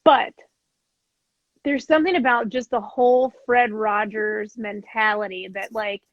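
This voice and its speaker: Woman host in her thirties, chatty, bright-pitched, dry and slightly dull recording. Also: fairly even intonation, a little slow, no echo. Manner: chatty, acts out storybook lines when reading. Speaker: podcast host. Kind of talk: casual interview chat.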